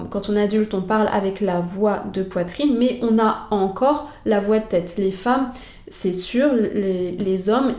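A woman's voice: mid-range voice, warm tone, echoey room. A woman singing teacher patiently explaining vocal technique straight to the viewer.

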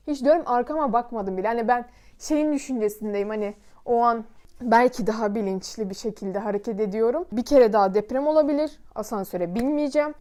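Woman vlogger, high and mellow, emotional storyteller to camera. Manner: emotional, vivid retelling.

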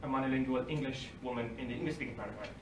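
At a very fast clip, a young man with a mid-range voice reads his conference paper from notes at a lectern, with occasional dry asides and quick laughs. A phone camera far across the library meeting room picks him up, giving roomy, distant, slightly hissy audio of livestream quality.

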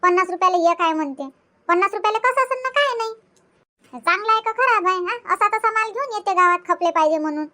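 A woman's voice: extremely high pitch, lively intonation, fast talker, full character voice. A woman voicing a nagging, thrifty old village grandmother in a cartoon. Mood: complaining. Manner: nagging, sharp-tongued.

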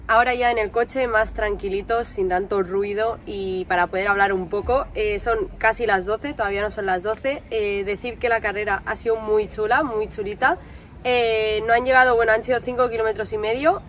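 High-voiced young woman from Spain, chatting. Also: steady tone, fairly quick, a little hiss or hum. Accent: Spanish (Spain). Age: 20s. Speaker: vlogger and amateur runner. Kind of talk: casual vlog recap. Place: outdoors by parked cars on a street.

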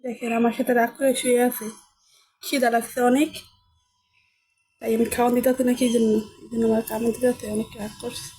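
A woman's voice: a little high, little pitch movement, fast talker, long pauses, darkish tone, echoey room, poor audio. A woman vlogging casually at home, chatting to viewers and affectionately coaxing her cat. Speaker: pet vlogger. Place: at home indoors. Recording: background music under the voice. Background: background music.

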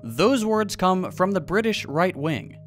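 A man's voice: high voice, sing-song, a little slow, soft background music. A man from the United States narrating a scripted video essay with sarcastic, wry asides.

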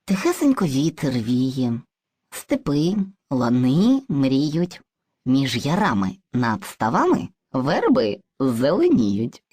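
A woman voicing a playful, hesitant male sprite of mixed slang speech in an educational cartoon, with a husky voice and a bouncy, exaggerated delivery. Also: very deep voice, huge pitch swings, slow pace, darkish tone, dry recording, studio quality, full character voice. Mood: reciting.

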